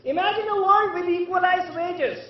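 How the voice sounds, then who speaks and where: A man delivers a podium speech in a very high voice, heard from off in a strongly echoing hall. He is earnest and rhetorical, breaking his points into short, emphatic phrases. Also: moderate pace. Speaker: conference keynote speaker. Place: large event hall. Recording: echoey hall, distant mic, muffled.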